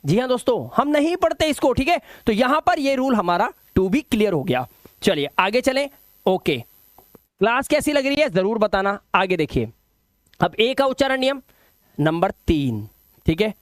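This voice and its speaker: A man teaching English pronunciation rules in an online lesson, emphatic and drilling each sound slowly by repetition. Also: sits high, sing-song, no echo, studio quality.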